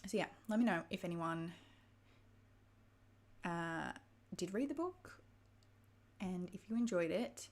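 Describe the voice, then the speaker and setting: A woman's voice: on the low side, expressive, slow, pauses often, a little mellow. Chatty breathless woman hosting a livestream. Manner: chatty, laughing, a little frazzled. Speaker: booktube livestream host. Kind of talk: casual live-stream chat.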